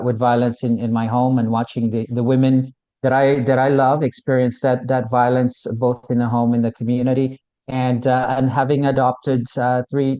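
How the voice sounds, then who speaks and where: A middle-aged man introduces himself as a panelist, stumbling over words and filling pauses often. His voice is warm and low-key, with little rise and fall. The audio comes through a bit muffled. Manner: halting, many fillers and repeated words. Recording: slightly dull audio.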